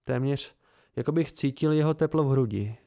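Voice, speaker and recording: Smooth-voiced male audiobook narrator. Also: mid-range voice, mellow, no room sound, studio quality. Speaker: audiobook reader.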